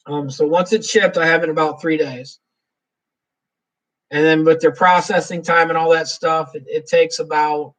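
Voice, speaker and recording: A livestream host with a somewhat high male voice rambles through a casual live Q&A, reading viewer comments aloud between answers and chuckling often. He sounds far from the mic, and the recording quality is low.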